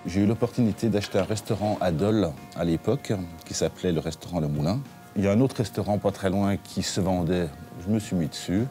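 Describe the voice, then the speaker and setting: Deep-voiced restaurant owner, relaxed and chatty. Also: male voice, fast, soft background music. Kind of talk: interview. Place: his restaurant dining room.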